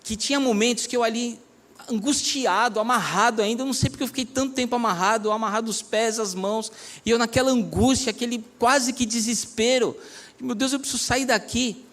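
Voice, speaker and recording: A pastor with a fairly high voice tells his testimony. He speaks earnestly and conversationally. He often turns to his listeners and calls them "my brother". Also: fairly quick, a bit bright. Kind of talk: personal testimony preaching.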